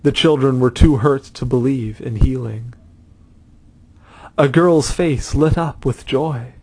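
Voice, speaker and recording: A man reads a story aloud, measured and steady. His voice sits at a middling pitch and keeps an even pace. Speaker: narrator. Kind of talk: scripted story narration.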